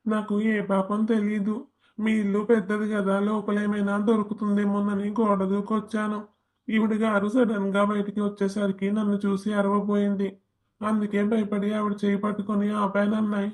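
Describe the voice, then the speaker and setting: A woman's voice: mid-range voice, monotone, moderate pace, a little mellow, natural voice. A woman voicing a frightened male thief who pleads for mercy in a cartoon drama. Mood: pleading. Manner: pleading, whining. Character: cowering petty thief man begging for mercy.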